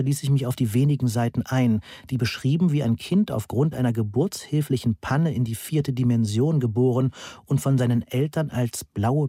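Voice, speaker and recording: A man's voice: medium pitch, warm tone, husky, no room sound, clean studio sound. A man reading a novel aloud in the first person, precise and matter-of-fact. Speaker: audiobook narrator.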